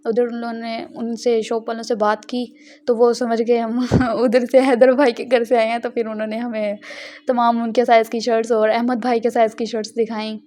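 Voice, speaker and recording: A woman's voice: a little high, flat delivery, normal speed, warm tone. A young woman, rambling and giggling as she tells a casual vlog story. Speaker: vlogger. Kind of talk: casual chatty vlog narration.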